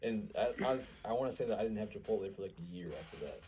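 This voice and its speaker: A young man with a fairly low voice tells a story on a podcast. He keeps it casual, laughing and swearing freely. A faint hiss sits under the recording. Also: fast talker, dark tone, rough recording. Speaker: podcast co-host. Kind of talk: casual chat.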